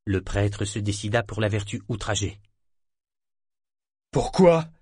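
A man reading a novel aloud as narrator, in a measured, even way. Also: fairly low pitch, slightly rough, dry recording, studio quality. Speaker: audiobook narrator. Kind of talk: scripted narration.

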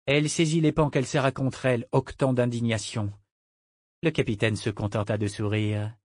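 This is scripted narration of an adventure audiobook by a man with a medium-pitched voice, read in a measured yet expressive way. The recording is dry and studio quality.

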